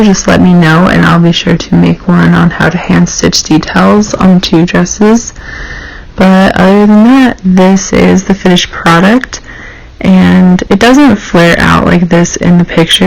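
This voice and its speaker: Young woman doing casual craft tutorial voiceover, bit low, lots of vocal fry. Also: rough recording. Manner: informal, explanatory.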